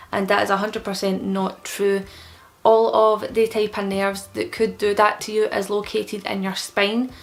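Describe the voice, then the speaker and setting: A young woman in casual explanatory vlog talk, her speech slightly impeded and thick-tongued, as with a newly pierced tongue. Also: mid-range voice. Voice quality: creaky. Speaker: vlogger answering common questions.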